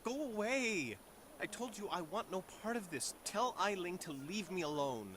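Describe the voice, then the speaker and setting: A man's voice: sits high, expressive, moderate pace, a bit bright, a little hiss or hum. An actor playing an anxious, proud young man in a game, talking earnestly about his troubles. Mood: angry. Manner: earnest, worried.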